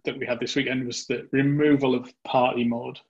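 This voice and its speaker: A man's voice: medium pitch, little pitch movement, brisk, slightly rough. Guy hosting a podcast, rambly and hesitant, bit of husk, dull lo-fi sound. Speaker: podcast host. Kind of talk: casual interview chat.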